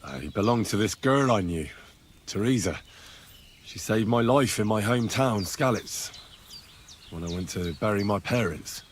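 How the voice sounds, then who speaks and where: A man's voice: on the low side, lively intonation, normal speed, pauses often, a little hiss or hum, lightly acted. An actor voicing a terse young male swordsman in video game dialogue, with blunt, dry replies.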